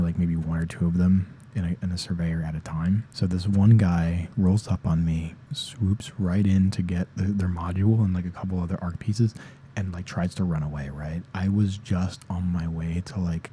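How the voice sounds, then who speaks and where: A young man rambling softly in a casual ASMR chat, sleepy and tired-voiced, often dropping into whispers. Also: low voice, a little hiss or hum. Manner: rambling, slips into whispers, self-deprecating. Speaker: ASMR creator. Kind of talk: soft-spoken ASMR ramble.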